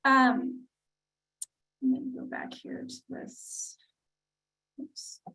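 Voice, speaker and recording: A woman's voice: high-pitched, level tone, extremely slow, vocal fry, bright, forceful tone, low-quality recording. Hesitant woman presenting at a meeting. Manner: hesitant, many fillers and restarts. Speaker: city transportation planner presenting.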